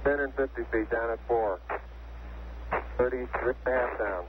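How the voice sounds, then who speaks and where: A man's voice: mid-range voice, normal speed. A spacecraft crew member, a man, making terse numeric callouts over a crackly space radio transmission with beeps. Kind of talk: radio communications. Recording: tinny, noisy archival radio link.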